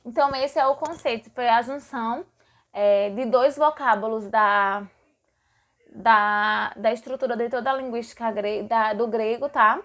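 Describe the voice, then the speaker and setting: A woman's voice: on the high side, measured pace, a bit bright. A woman teaching a lesson, repeating words and acting out sound effects. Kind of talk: explanatory lesson.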